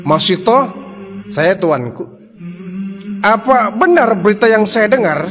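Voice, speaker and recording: A man's voice: lively intonation, measured pace, over music. A man voicing an arrogant, furious male Pharaoh tyrant in a preached story, threatening in a raised voice. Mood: indignant. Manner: shouting, raised-pitch threats.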